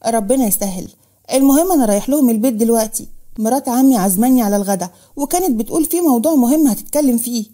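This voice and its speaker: A woman voicing a stern older man, a father and guardian, with an Egyptian accent and a firm, calm manner, in a storybook reading. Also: fairly high pitch, very fast, close to an everyday voice.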